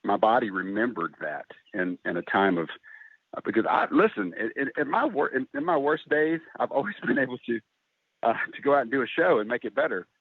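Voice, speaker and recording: A man's voice: medium pitch, expressive, brisk, breathy edge. An earnest, emotional man being interviewed as a guest musician. He talks in a mid-range voice and often breaks into laughter. The sound comes over a narrow, phone-like line with no room echo. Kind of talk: casual podcast interview. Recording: tinny phone-like line, dry.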